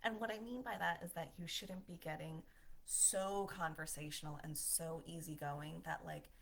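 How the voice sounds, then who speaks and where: A woman's voice: sits low, fairly even intonation, moderate pace, creaky. A woman giving a marketing lesson as a voiceover, upbeat and conversational, with a smile in her voice. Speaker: marketing instructor.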